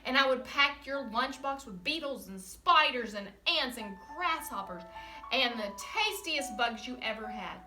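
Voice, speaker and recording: A woman voicing a loving, patient storybook mother who answers calmly and reassuringly. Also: high-pitched, unhurried, roomy sound, recorded from a distance, soft background music, exaggerated voice. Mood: loving, soothing. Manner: warm and reassuring.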